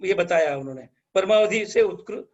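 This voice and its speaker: A man in a scripture class, asking questions in a halting way with many restarts. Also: high voice, animated, darkish tone, highs cut off. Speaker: student.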